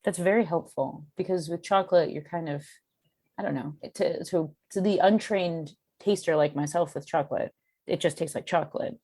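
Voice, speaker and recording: Podcast guest, woman, low voice, chatty and self-deprecating, dry close mic. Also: moderate pace, warm tone, no echo. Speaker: guest, cartoonist and beer educator. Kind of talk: casual podcast chat.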